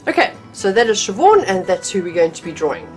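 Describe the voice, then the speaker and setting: Very animated and quick, this middle-aged woman's medium-pitched, slightly mellow voice leads a casual art tutorial from her home art room over soft background music. A cold makes her a bit nasal, and she chats along with many ums and restarts.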